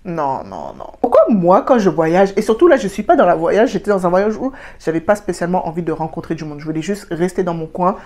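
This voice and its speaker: This travel vlogger is a young woman from France whose French accent colors her chatty, casual storytime about her trips. She talks fairly quickly in a lowish voice, barely pausing, and her animated, slangy delivery is sprinkled with English words.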